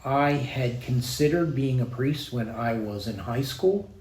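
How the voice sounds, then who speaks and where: An older man, a priest from Baltimore with a slight Baltimore accent, telling stories in an unhurried, reflective way as a podcast guest. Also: medium pitch, expressive, a little mellow. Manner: reflective, unhurried, with small restarts. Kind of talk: relaxed storytelling interview. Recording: echoey room with faint noise.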